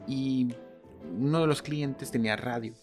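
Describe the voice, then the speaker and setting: A man's voice: mid-range voice, a little slow, faint music behind. A man, a life coach, telling his own story in a casual conversation and acting out the dialogue. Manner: animated, acts out dialogue in quotes.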